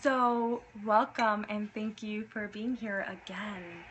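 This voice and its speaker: A young woman leading a guided meditation in a soothing, unhurried, softly instructing manner. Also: medium pitch. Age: young adult. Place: small indoor room at home. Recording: clear background noise.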